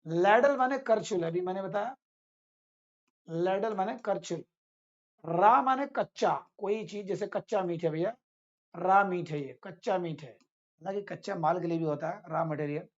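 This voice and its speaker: A man's voice: sits high, measured pace, lo-fi sound. A man teaching English vocabulary in a casual lesson, repeating each word and its meaning and addressing his students as friends.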